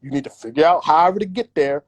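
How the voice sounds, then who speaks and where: A man's voice: on the high side, quick pace. A man as an interview guest giving emphatic, repetitive advice in a casual chat. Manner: emphatic and repetitive, acts out imagined voices.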